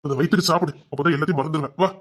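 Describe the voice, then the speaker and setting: An actor playing a caring father who soothes and coaxes his crying daughter in a TV serial, repeating himself gently. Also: fairly high pitch, fairly even intonation, very fast, lightly acted. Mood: soothing. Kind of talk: TV serial drama.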